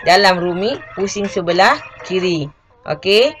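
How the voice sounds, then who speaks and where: A woman's voice: on the low side, unhurried, a bit bright, poor audio. A woman teacher with a Malaysian Malay accent giving an online classroom lesson, patiently repeating key points and asking her pupils questions. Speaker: religious schoolteacher.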